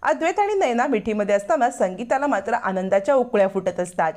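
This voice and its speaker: A woman narrating a spoken recap of a television serial episode, telling the story quickly and acting out each character's lines. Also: on the high side, expressive, darkish tone.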